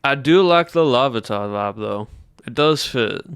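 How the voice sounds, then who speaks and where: A man with a mid-range voice chats casually with viewers on a livestream, musing aloud in a loose, put-on American Southern drawl. His intonation is lively and his pace unhurried, with a slightly bright, smooth tone. The recording is dry and studio quality.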